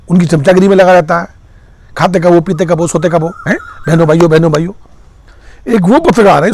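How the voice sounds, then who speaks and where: A man's voice: a little high, a little mellow, no room sound. A man giving impassioned political commentary, firing off rhetorical questions and addressing his listeners as sisters and brothers. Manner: rapid-fire rhetorical questions.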